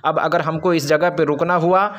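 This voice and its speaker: A man with an Indian Urdu-Hindi accent teaching Quran reading, explaining step by step, repeating each example and reciting the Arabic slowly. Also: on the high side, steady tone, fairly bright tone, muffled recording. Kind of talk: slow, patient tajweed lesson.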